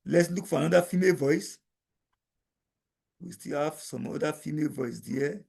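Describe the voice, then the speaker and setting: A man leads a screen-recorded software lesson, his voice high for a man. He goes slowly and explains each click, repeating himself so nobody gets lost. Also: gravelly, slightly rough. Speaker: instructor.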